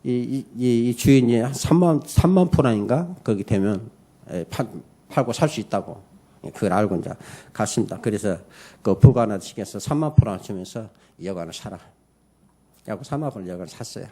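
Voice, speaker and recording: Mellow-voiced man preaching a sermon. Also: on the low side, lively intonation, a little fast. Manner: emphatic preaching, calls for amens; rambling storytelling with many fillers. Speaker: pastor. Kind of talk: Sunday morning sermon. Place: church service.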